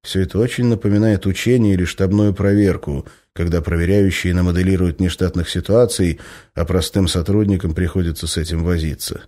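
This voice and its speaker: Deep-voiced male audiobook narrator. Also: brisk. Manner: steady, even reading. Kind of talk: scripted narration.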